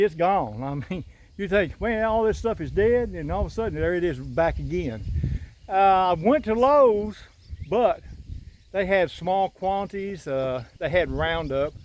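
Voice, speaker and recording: A man's voice: high-pitched, slight background noise. An older man with a Southern drawl, chatting in a folksy, rambling way as he walks through his garden with a phone on a selfie stick. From Southern United States. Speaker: homesteader filming his garden. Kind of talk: casual walkthrough vlog. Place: outdoors in a rural garden.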